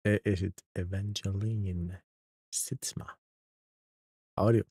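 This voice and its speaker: Slow and fairly even in intonation, this man's low, dark voice carries a breathy edge, captured cleanly in the studio with no echo. He's a native Icelandic speaker from Iceland with an Icelandic accent, chatting casually on a live stream as he reads the chat and greets viewers individually.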